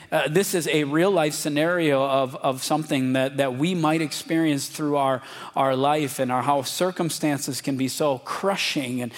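A male pastor preaching a conversational sermon, often repeating words and starting over. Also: a little high. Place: church sanctuary. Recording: long hall reverb.

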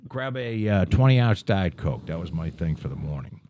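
A man's voice: sits low, sing-song, normal speed, mellow, slight background noise. A man in his fifties co-hosting a podcast in casual chat, rambling and swearing as he goes. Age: 50s. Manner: profane, rambling, trailing off. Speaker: podcast co-host.

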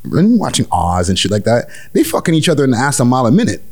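A man's voice: mid-range voice, very animated, quick pace, darkish tone. A man with an urban Toronto accent chatting casually on a podcast in street slang. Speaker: podcast co-host. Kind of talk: casual questioning podcast chat.

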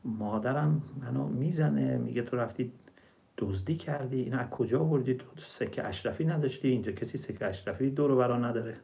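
A man's voice: medium pitch, creaky, mellow, lightly acted. A man doing a frightened little boy. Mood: pleading. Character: poor little boy scared of his mother.

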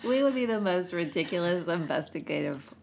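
A woman's voice: fairly low pitch, expressive, fairly quick, creaky, slight background noise. A woman co-hosting a podcast in casual, playful, joking chat. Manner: playful, jokey. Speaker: podcast co-host.

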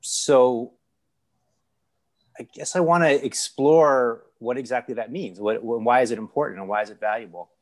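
A man's voice: mid-range voice, moderate pace. A man hosting a podcast interview, friendly and welcoming, with frequent "um" fillers. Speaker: podcast host.

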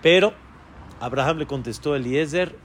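A man, a rabbi, teaching a Torah lesson, asking his listeners rhetorical questions and jumping to a high voice when quoting figures. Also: normal speed, fairly bright tone, a little hiss or hum. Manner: voices quoted figures with sudden high pitch.

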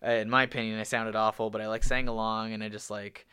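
Chatty young man, smooth clear voice. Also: on the low side, little pitch movement, fast talker, bright, forceful tone. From Canada. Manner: rambling, many fillers, laughs often. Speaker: musician guest. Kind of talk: casual interview storytelling.

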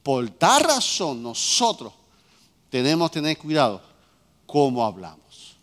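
Impassioned pastor preaching. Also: male voice, huge pitch swings, a little slow, in a large hall. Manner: impassioned, swinging between loud shouts and quiet low lines. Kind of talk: sermon.

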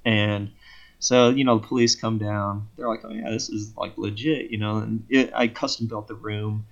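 A low-pitched man with a gravelly, creaky voice tells a long story as a guest, in a loose conversational way. He acts out the back-and-forth of each exchange as he goes. The recording sounds dull and lo-fi. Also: normal speed. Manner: animated retelling that acts out both sides of conversations. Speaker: podcast guest. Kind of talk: casual storytelling.

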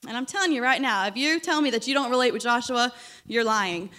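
A young woman preaching with a high, bright voice. She preaches in an animated storytelling way and laughs when uncomfortable. Her voice is still recovering from being lost. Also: brisk. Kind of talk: sermon.

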